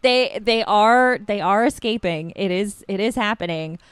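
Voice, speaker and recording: A woman's voice: medium pitch, measured pace, clean tone, no echo. A woman co-hosting a film podcast in casual chat, chatty and laughing often as she goes off on tangents. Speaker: podcast co-host.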